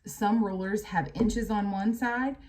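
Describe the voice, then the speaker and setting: An American woman teacher reads a book to her pupils in a medium-pitched, darkish voice with fairly even intonation and a measured pace. Along the way she adds plain asides that speak directly to the children.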